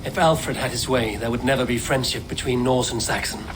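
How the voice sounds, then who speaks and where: An actor playing a steady, honorable Norse warrior leader in a game, measured and earnest. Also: male voice, medium pitch, noisy background, natural voice. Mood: calm. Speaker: Viking protagonist Eivor.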